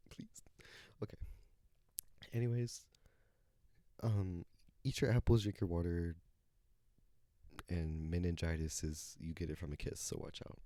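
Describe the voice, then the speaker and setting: A man with a fairly low, mellow voice, recorded dry, hosts his own podcast. Chatting solo and casually, he rambles with lots of fillers, swearing and self-corrections.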